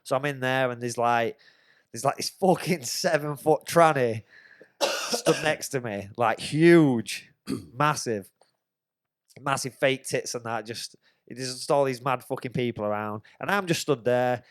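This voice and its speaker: On a podcast, the male host tells a casual, animated story packed with swearing. His mid-range voice moves a little slowly, recorded clean in a studio with no echo.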